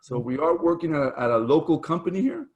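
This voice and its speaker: A man's voice: a little high, expressive, fast talker, a little mellow, highs cut off. Man hosting a casual video meetup. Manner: chatty, with fillers and self-corrections. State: losing his voice. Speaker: meetup host. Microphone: video call.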